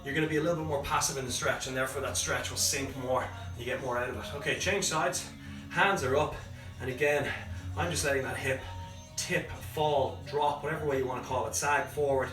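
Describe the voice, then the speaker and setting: A man leading a live home workout as a fitness coach, giving brisk, encouraging cues and breathing prompts. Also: mid-range voice, steady tone. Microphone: phone livestream from a distance. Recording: roomy, far from the mic, faint music.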